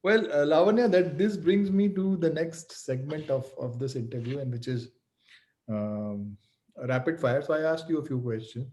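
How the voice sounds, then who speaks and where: A man's voice: fairly high pitch, normal speed, darkish tone. A man hosting a casual interview, chatty, with many restarts and laughs. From India. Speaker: podcast host.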